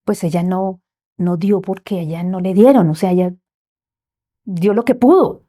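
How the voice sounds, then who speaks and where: Warm-voiced woman telling her story. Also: lowish voice, moderate pace. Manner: heartfelt, drifting into soft near-whispers. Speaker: guest. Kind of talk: personal storytelling in a podcast interview.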